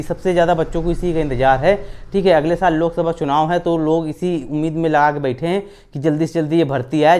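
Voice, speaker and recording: A man from India with a fairly high-pitched but dark-toned voice hosts an exam-news channel. In an informal explainer on recruitment updates, he repeats phrases for emphasis and often checks in with his listeners.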